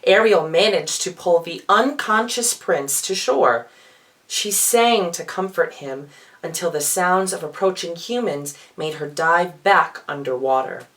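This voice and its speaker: In this dramatic storybook reading for children, a feminine-sounding drag performer takes the storyteller's role, peppering the tale with playful asides. The voice sits mid-range, fairly bright, animated, and a little slow.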